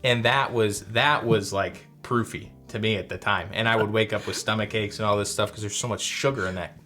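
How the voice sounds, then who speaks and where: A young adult man co-hosting a casual chat, talking in a relaxed, rambling way that keeps correcting itself. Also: fairly low pitch, a little fast, soft background music. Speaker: co-host.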